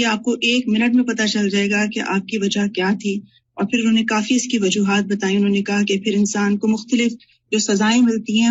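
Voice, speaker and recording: A woman with a husky, breathy voice speaks earnestly in a religious class discussion, recounting points from a lecture as a student. The recording sounds dull and lo-fi. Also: mid-range voice.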